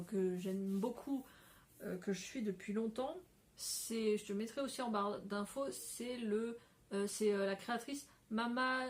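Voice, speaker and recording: A woman's voice: a little high, a little mellow. A woman hosting a casual craft vlog, chatty and rambling, often breaking into laughter, talking to a phone camera indoors at home. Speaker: craft podcaster.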